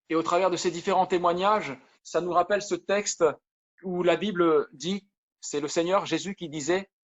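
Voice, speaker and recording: A pastor preaches by video with a fairly high voice, earnest and searching. He often restarts his phrases as he reads testimony aloud. The sound is dull and muffled. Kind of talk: video sermon.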